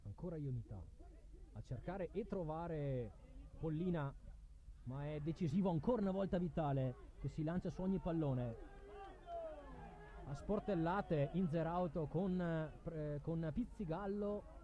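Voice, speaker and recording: A man's voice: on the high side, unhurried, lo-fi sound. A man calling a live football match play by play, calling players' names in short bursts. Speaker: football commentator.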